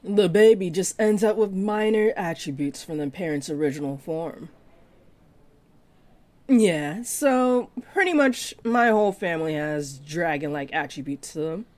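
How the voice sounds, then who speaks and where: A voice actress with a deep, slightly mellow voice plays a flirty, possessive part-dragon librarian in an intimate roleplay audio drama. She addresses the listener in a teasing, deliberate manner.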